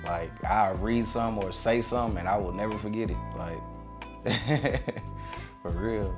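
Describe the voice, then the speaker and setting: Young man, interview guest, relaxed slang, music behind. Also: lowish voice, moderate pace. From Atlanta area. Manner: laid-back, relaxed slang. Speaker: guest, recording artist. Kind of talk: casual interview chat.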